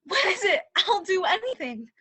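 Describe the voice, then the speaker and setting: Woman playing a shrill, melodramatic, wailing king. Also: sing-song, moderate pace, fairly bright tone, exaggerated voice. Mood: mournful. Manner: over-the-top, wailing. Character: melodramatic, childish, doting king prone to wailing. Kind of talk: broad stage comedy acting.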